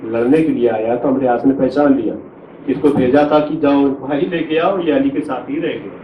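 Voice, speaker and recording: A man's voice: mid-range voice, steady tone, normal speed, dull audio. A man, a cleric, delivering a solemn, reverent mourning sermon with Arabic honorifics in a hall, recorded from a distant microphone. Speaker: Shia cleric preaching a majlis. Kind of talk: Urdu majlis sermon with lament recitation. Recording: echoey hall from far off, faint noise.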